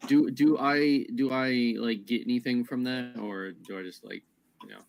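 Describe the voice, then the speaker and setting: A man's voice: medium pitch, fairly even intonation, normal speed, vocal fry, rough recording. A man playing a tabletop game, asking questions in an apologetic, unsure way. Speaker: player. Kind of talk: casual chat at a gaming table.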